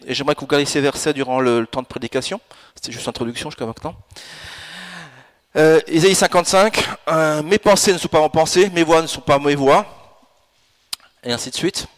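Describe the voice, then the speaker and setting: A pastor in his fifties preaching a sermon in a church, with an animated delivery that rises into emphatic bursts. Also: on the high side, brisk. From France and Italy. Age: 50s. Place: church in Alsace.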